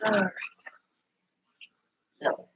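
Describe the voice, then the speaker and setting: Speaking extremely slowly on lo-fi audio, a streamer and writer who is coming down with a cold sounds sniffly while casually wrapping gifts at home. They ramble and apologize, addressing both the viewers and themself, in a noisy home recording.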